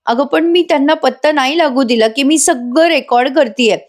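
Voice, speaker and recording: A sobbing middle-aged woman pours out her distress in a strained, raised voice. Her words come tearful and pleading, pushed higher than a calm voice. A woman narrator puts her on in a storybook-style retelling. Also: moderate pace, close to an everyday voice. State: crying.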